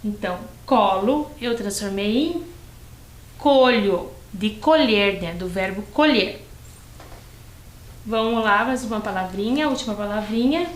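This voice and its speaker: A Brazilian woman teaching a lesson to young children, drawing out syllables slowly and patiently. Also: mid-range voice, expressive, echoey room, rough recording. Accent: Brazilian Portuguese. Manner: stretches words and syllables, patient and encouraging. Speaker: primary school teacher. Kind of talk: slow, clearly spelled-out lesson for young children.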